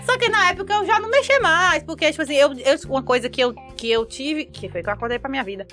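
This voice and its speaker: A woman's voice: high voice, fast, soft background music. A young woman from Montes Claros, northern Minas Gerais, with a Mineiro Brazilian accent, telling a story in a chat and acting out what everyone said. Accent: Mineiro Brazilian Portuguese. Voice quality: animated, self-dramatizing, quotes others in lively voices. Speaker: guest.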